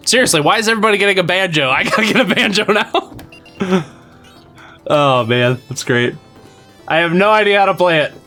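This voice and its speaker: This is casual live-stream commentary from a man playing a retro game, rambling to chat with filler words and a curse here and there. He speaks at a medium pitch, his tone pushed and bright.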